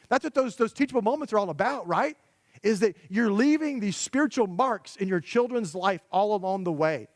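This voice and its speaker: High-voiced man preaching a story sermon. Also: no echo, studio quality. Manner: conversational, emphatic, rhetorical questions to parents. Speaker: guest preacher. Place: church sanctuary.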